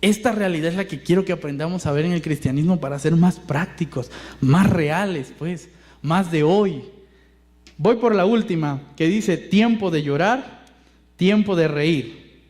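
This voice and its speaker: Un pastor mexicano con acento mexicano que predica un sermón en tono conversacional, imitando voces citadas y lanzando preguntas retóricas. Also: male voice, a little high, normal speed, a little mellow. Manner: conversational, acts out quoted voices, asks rhetorical questions. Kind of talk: sermon.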